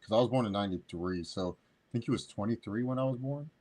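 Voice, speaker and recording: This sports podcast co-host, a man in his thirties, talks fast in a fairly low, darkish voice. He rambles loosely, cracks crude jokes, and keeps cutting himself off to start over.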